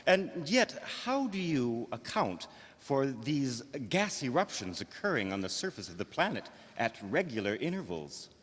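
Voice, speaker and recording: An actor playing an earnest radio news reporter in an old-time radio drama, speaking in a formal, measured announcer style. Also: male voice, medium pitch, big pitch swings, a bit bright. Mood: formal, inquisitive. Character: earnest, probing male radio news reporter interviewing live. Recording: hall reverb.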